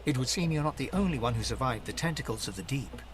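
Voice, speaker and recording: An actor playing the dramatic storyteller of a fantasy video game, narrating in literary phrases. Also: male voice, medium pitch, lively intonation, fast, crowd noise, natural voice. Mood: dramatic, intense. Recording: game music behind the voice.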